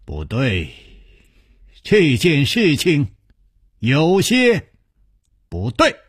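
A man voicing a young swordsman hero who mutters to himself and breaks into exclamations, in a husky, lively voice. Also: mid-range voice, takes it slowly, no room sound, clean studio sound, exaggerated voice. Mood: startled. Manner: muttering, then bursting into exclamations. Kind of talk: storytelling performance.

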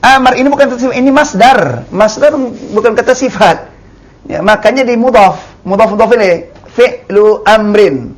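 A man's voice: very high voice, animated, a little fast. A man with an Indonesian accent teaching Arabic grammar, repeating key terms and drawing out the words he demonstrates. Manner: explains patiently, repeats key terms, drawls the words he models. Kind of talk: classroom grammar lesson.

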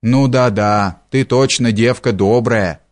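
A man voicing a conceited young valet who talks down with pompous, drawn-out condescension. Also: medium pitch, natural voice. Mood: condescending.

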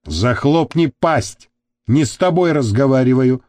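A man's voice: medium pitch, animated, measured pace, a little mellow, no echo, natural voice. A man reading the part of a rude, brutish thug who growls and snaps at people. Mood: gruff. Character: rough brutish male thug, quick to snap.

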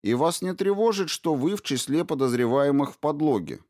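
A man's voice: on the high side, expressive, brisk, mellow, dry recording, clean studio sound, voice pushed up, natural voice. A man voicing a sly male investigator who asks probing questions in an innocent tone.

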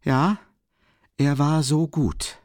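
A man voicing a feverish, irritable young man in an audiobook, speaking in a halting, strained way. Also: fairly high pitch, fairly even intonation, a little mellow, no room sound, studio quality, pitched above the performer's own voice. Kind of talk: audiobook reading.

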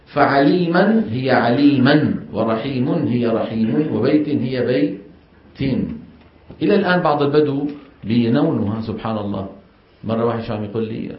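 A man with a Levantine Arabic accent teaching a class on Quran recitation. He keeps asking the class questions and has them repeat after him. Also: medium pitch. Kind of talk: classroom lecture. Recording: echoey, dull lo-fi classroom recording.

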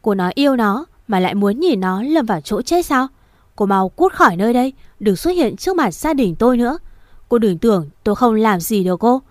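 A woman's voice: a little high, animated, a little fast, no echo, clean studio sound, natural voice. A woman reading a story aloud, voicing an angry wealthy grandmother who scolds and hurls insults. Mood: contemptuous. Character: scornful wealthy old grandmother, furious and contemptuous.

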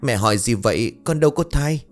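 A man voicing a proud, stubborn eighteen-year-old village girl, high and pleading. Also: animated, fairly quick, faint music behind, lightly acted. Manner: high and pleading, breaking into defiance.

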